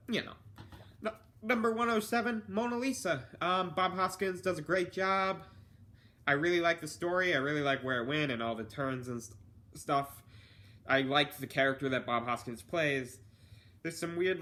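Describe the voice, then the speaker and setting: A man's voice: a little high, sharp tone. A young man casually reviewing films one after another, rambling and offhand, with many fillers and self-corrections. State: has hiccups. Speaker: film reviewer.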